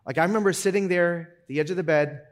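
A man in his fifties preaching a sermon and telling a story. He talks in halting bursts with many restarts, going quiet and low for sad parts. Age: 50s. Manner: halting, repeats words, drops low and quiet for sad moments; loud and animated when joking. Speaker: pastor.

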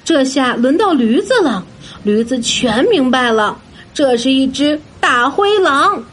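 A woman narrating a children's story in a gentle, sing-song manner, addressing young listeners. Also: sits high, very animated, unhurried, breathy edge. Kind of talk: scripted bedtime story narration. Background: soft background music.

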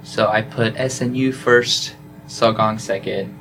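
Being interviewed about his semester abroad, a young South Korean man keeps things relaxed, sprinkling in many "like" fillers. He speaks slowly in a lowish voice over background noise.

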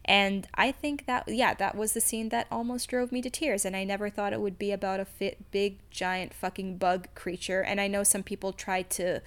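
A woman's voice: mid-range voice, fairly even intonation, moderate pace, few pauses. Emphatic, candid woman in casual discussion. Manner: emphatic, candid, swears freely. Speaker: podcast co-host.

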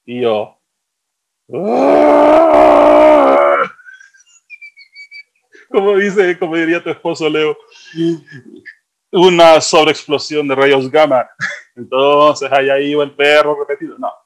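A man's voice: on the high side, unhurried. A middle-aged man, telling stories in a casual chat and repeating words for emphasis. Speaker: co-host.

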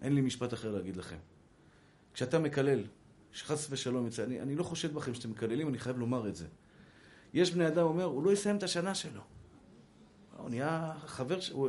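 A man's voice: medium pitch, expressive, darkish tone, slight background noise. A man with an Israeli Hebrew accent, a rabbi giving a sermon, animatedly acting out quoted dialogue and calling his listeners brothers.

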